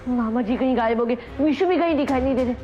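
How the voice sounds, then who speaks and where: A performer voices a young boy hero in a cartoon, anxious as he puzzles out a disappearance. The voice is pitched very high. Music runs underneath. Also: fast talker, mellow, highs cut off, natural voice. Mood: worried.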